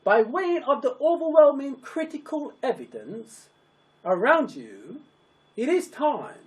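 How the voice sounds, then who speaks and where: This formal public address is read very slowly and in a very animated way, with pitch moving widely between phrases. The narrator sounds solemn and emphatic, splitting sentences into brief, heavy chunks. It's a scripted, declamatory speech captured in a low-quality recording.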